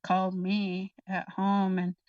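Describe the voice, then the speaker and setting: A guest actress recounts a laughing anecdote during an interview, performing the quoted lines. She speaks slowly in a medium-pitched, slightly mellow voice with a completely flat delivery, and the lo-fi recording is distant and dull but has no echo.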